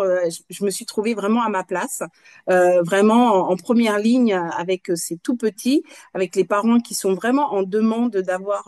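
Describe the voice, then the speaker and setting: Halting woman in her fifties from Guadeloupe. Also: mid-range voice, darkish tone. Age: 50s. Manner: halting, searching for words between pauses. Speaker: guest, night nurse. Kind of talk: casual interview answers.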